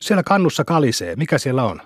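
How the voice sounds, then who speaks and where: Guy reading a curious excitable little boy, husky, dry close sound. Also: medium pitch, no echo. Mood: eager. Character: wide-eyed, excitable young country boy.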